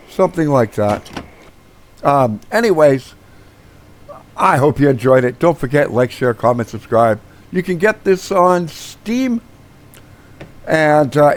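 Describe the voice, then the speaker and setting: Hosting his own channel, a man chats casually over gameplay in a hoarse, mid-range voice he says he's losing. He rambles, full of fillers and restarts.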